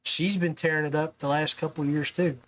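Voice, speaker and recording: A podcast host from West Virginia chats with anglers in a casual, chummy, folksy manner, sprinkling in "man" and "brother." His voice is on the high side and steady in tone, fairly quick, and the recording is very noisy.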